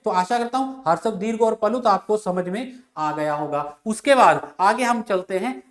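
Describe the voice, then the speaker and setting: A man's voice: high-pitched, echoey room. A man teaching a class, who asks and answers his own questions, repeats each point, and draws out vowel sounds to show them. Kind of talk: classroom lecture.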